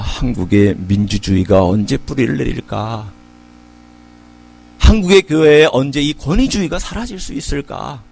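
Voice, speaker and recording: Animated middle-aged pastor preaching. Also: male voice, a little high, vocal fry. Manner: animated preaching with rhetorical questions; conversational storytelling. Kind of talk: sermon.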